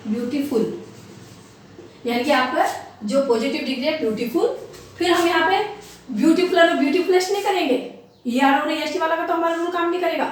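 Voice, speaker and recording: A woman English teacher with a high voice gives a classroom grammar lesson, explaining slowly and repeating each example word. She sounds set back from a distant mic in a very echoey room, with a little hiss or hum.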